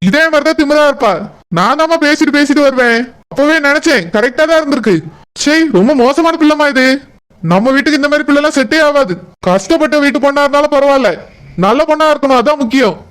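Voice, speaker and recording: A fussy, offended young groom in a cartoon, voiced by a man. His voice sits very high and he talks fast. His complaints rattle out in quick bursts. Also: fairly bright tone.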